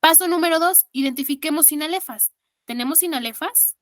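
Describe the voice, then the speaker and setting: A woman's voice: high-pitched, brisk, dry recording, clean studio sound. A woman with a Mexican accent teaching an online exam-prep class, counting syllables aloud and praising her students patiently.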